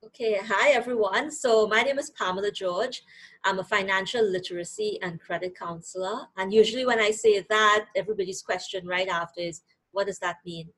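Breathy woman with a Trinidadian accent. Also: medium pitch, fairly quick, a bit bright, poor audio. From Trinidad and Tobago. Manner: thoughtful, reflective storytelling. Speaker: guest, financial literacy and credit counselor. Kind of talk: interview conversation.

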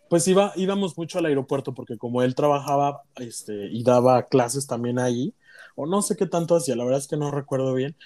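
A young man with a Mexican Spanish accent, candidly telling a personal story in casual chat and acting out the voices of people in it. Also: a little high. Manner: candid, animated, acts out quoted voices. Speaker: guest telling his story.

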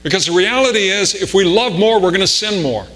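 A man's voice: high-pitched, animated, brisk, a bit bright. A man preaching a conversational sermon with anecdotes, pressing harder on his key points. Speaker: pastor. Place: church sanctuary. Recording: reverberant hall with mains hum.

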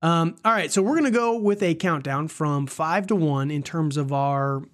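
A man with a fairly high voice speaks at normal speed, sounding stuffed up from a cold. As a podcast host, he runs a casual sports podcast in a rambling, chatty way, laughing often.

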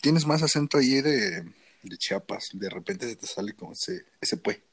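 A man with a Mexico City accent, co-hosting a comedic podcast in easygoing talk with hesitant, drawn-out fillers. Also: medium pitch, animated, husky. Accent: Mexico City Spanish. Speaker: podcast co-host. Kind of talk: casual comedic chat.

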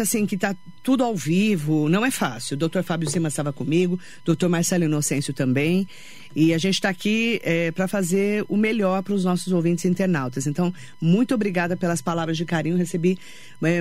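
A woman's voice: fairly low pitch, darkish tone. A Brazilian woman hosting a live radio talk show, chatty and self-deprecating, reading out listener messages. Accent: Brazilian Portuguese. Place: radio studio.

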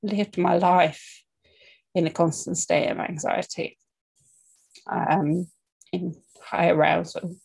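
A woman working as a breathing coach, talking candidly and informally to camera in a deliberate, halting way with long pauses, often checking in with the listener. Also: on the low side, little pitch movement, vocal fry, a little mellow, breathy edge, low-quality recording. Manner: candid, conversational, checks in with okay and yeah. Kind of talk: informal spoken talk to camera about anxiety and breathing.

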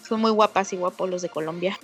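A woman's voice: fairly low pitch, fast, soft background music. A young Mexican woman in casual chat, telling stories and acting out the messages she quotes. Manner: animated storyteller, acts out quoted messages.

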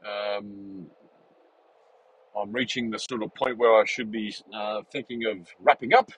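A man in his forties hosting a podcast, talking in a rambling, animated way with many fillers and restarts. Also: fairly low pitch, a little slow, a little hiss or hum, rough recording. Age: 40s. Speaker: podcast host. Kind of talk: casual unscripted monologue.

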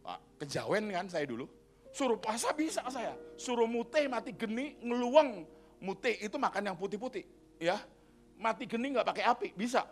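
Guy from surabaya preaching in church, lively and jokey, kinda high voice, soft music behind. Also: moderate pace. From Surabaya, Indonesia. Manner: animated, joking, asks the congregation questions.

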